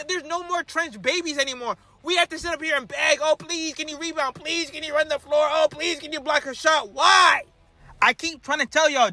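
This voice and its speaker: Very high-pitched, sharp ranting man. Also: no room sound. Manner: ranting, fires off repeated rhetorical questions; exasperated, swings between shouting and muttering. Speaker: basketball fan commentator. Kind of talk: heated fan rant to camera.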